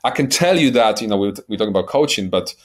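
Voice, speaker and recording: A Polish man in his forties, a life coach, speaks as a podcast guest with a light Polish accent. His fairly low voice is expressive and quick, and he's blunt and emphatic, swearing for emphasis and often checking in with "right?" during the interview.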